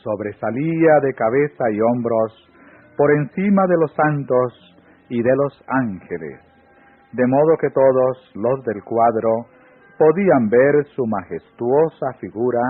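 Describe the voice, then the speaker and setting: A man giving a slow, solemn devotional reading, rising in pitch on the exclamations. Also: lively intonation, slightly rough. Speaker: reader of devotional text. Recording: phone-like audio with faint music.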